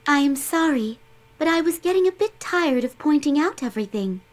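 High, serene goddess-like spirit guide. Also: female voice, expressive, normal speed. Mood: patient, formal. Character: gentle, formal, heavenly tome spirit, female, goddess-like guide. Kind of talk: English video game voice acting.

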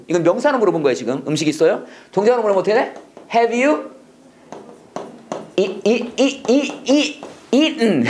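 A Bible school teacher giving a lecture that mixes English lessons with preaching, animated and quick to laugh at their own slips. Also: medium pitch.

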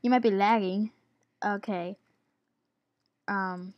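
A woman chats through a building game as a gaming YouTuber, stuck with the hiccups. She giggles often and hesitates with plenty of ums. Her voice sits in an ordinary middle pitch and sounds dry and close to the mic. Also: steady tone, slow pace, dry recording, lo-fi sound. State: has the hiccups. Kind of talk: casual gameplay commentary.

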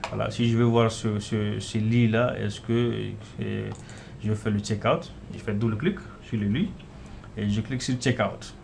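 A software developer with a fairly low voice and vocal fry demos his app in a screen-recorded walkthrough. He talks casually and unscripted, saying "voilà" and "euh" again and again as he clicks from screen to screen. A faint hum runs underneath.

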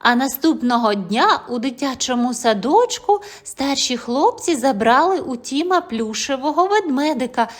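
A woman narrating a children's audio fairy tale in a gentle, expressive storytelling manner. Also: high-pitched, normal speed, hardly any pauses.

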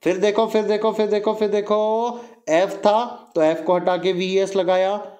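High-voiced man drilling a grammar lesson. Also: level tone, measured pace, darkish tone. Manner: repetitive, drilling, quizzes the listener with questions. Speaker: teacher. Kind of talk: Hindi grammar lecture mixing in English terms.

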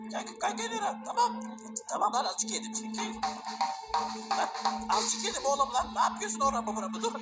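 A woman's voice: a little high, sing-song, normal speed, long pauses. A woman performing a comic skit voice-over, exaggerated and whiny at times, scolding at others. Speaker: skit narrator and voice actor. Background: loud music.

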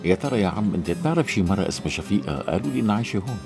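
A man's voice: fairly low pitch, expressive, very fast, over music. An actor with a Syrian Arabic accent playing a polite middle-aged man asking locals questions in a dubbed period drama. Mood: polite, inquiring.

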